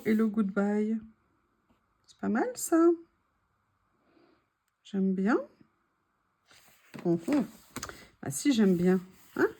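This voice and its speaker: A woman's voice: mid-range voice, mellow. A woman chatting casually while she crafts, thinking aloud and sometimes dropping to a murmur. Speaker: crafting vlogger.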